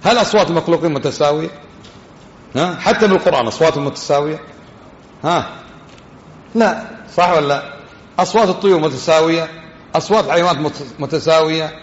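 A man giving a religious lesson, talking quickly and conversationally and putting questions to his listeners. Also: a little high. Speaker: religious teacher. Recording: dull, echoey hall.

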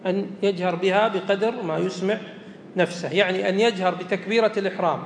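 A man's voice: fairly even intonation, fast talker. A man teaching a religious law lesson, reading a line from a text and then explaining it plainly, going back over his points. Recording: echoey hall with faint rumble.

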